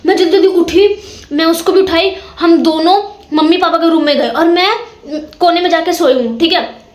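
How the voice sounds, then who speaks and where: High-voiced young woman telling a spooky story. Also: normal speed. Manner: dramatic, repeats words for suspense. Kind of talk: casual spoken storytelling. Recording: echoey room.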